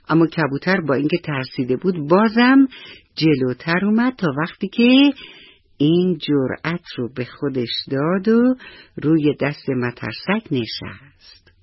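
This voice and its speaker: A man's voice: fairly high pitch, breathy edge, no echo, lo-fi sound. A male storyteller narrating a bedtime story on the radio, talking directly to the children listening. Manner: warm address to children. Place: radio studio.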